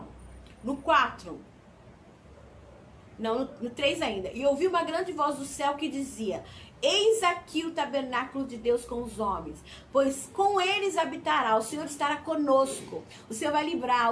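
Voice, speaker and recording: A woman's voice: high-pitched, a bit bright, slight background noise. A Brazilian woman preaching a fervent sermon, often calling out "Amém?" to her listeners. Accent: Brazilian Portuguese.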